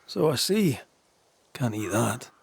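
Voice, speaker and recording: A man acting a calm, businesslike ghost hunter in a video game, dry and formal, with a husky voice. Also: medium pitch, slow pace, a little hiss or hum, exaggerated voice. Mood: wry, investigative.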